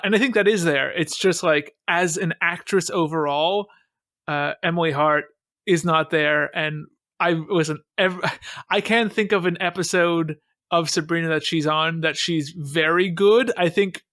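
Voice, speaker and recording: A man's voice: fairly high pitch, fairly bright tone, no room sound. A man hosting a podcast, recapping an episode and chatting with a wry, sarcastic manner on a close mic. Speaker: podcast host. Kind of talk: casual chat and episode recap.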